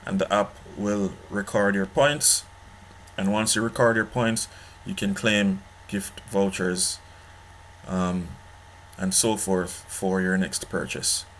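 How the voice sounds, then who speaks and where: A man with a somewhat low voice hosts an informal review of a money-making app. He speaks casually, circles back to the same points, and keeps asking the viewer "okay?" as he goes. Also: fairly even intonation, takes it slowly, fairly bright tone, a little hiss or hum. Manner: pitchy, repeats himself, asks "okay?" often. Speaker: online money-making channel host.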